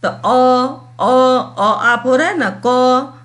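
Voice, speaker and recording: A woman teaching a grammar lesson to schoolchildren, sounding out letters slowly and checking that the class follows. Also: sits high, fairly bright tone. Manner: slow and explanatory, checks understanding with "clear?" and "theek hai".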